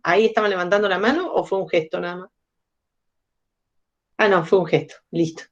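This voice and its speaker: A woman's voice: lowish voice, brisk. A woman giving a psychology lecture, explaining step by step and asking the class questions. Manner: explanatory, asks the audience questions. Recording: slightly dull lo-fi sound.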